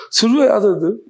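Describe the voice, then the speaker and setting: A man's voice: extremely high pitch, a bit bright, husky. A male pastor preaching a sermon, firing off challenging rhetorical questions in a scolding tone.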